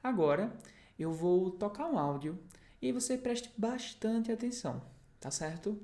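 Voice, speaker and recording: A woman's voice: mid-range voice, lively intonation, measured pace, mellow. A woman with a Brazilian Portuguese accent teaching an online English lesson, explaining patiently and often checking that the learner is following.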